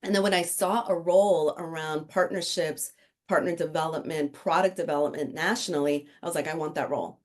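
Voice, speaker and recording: Middle-aged woman from the dominican republic, low voice, chatty podcast guest. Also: fairly even intonation, brisk, darkish tone. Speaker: podcast guest, author and consultant. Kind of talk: casual interview chat.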